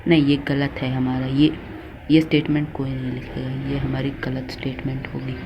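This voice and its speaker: A man's voice: mid-range voice, monotone, moderate pace, highs cut off, noisy background. A man teaching a lesson, dictating notes to students word by word and correcting his own slips. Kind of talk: slow classroom lesson.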